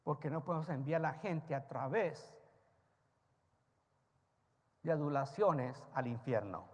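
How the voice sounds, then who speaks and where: A male pastor preaching a sermon, firing rhetorical questions at the congregation and swinging between loud, emphatic rises and soft, low asides. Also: unhurried. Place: church sanctuary. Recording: long church-hall reverb.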